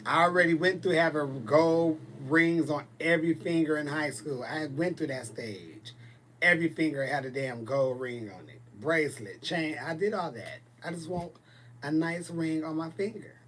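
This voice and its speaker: Fairly high-pitched and a bit bright, this man's voice moves at a normal speed, with a little hiss or hum in the recording. He's in his forties, hosting a casual livestream where he chats and responds bluntly and sassily to viewer comments.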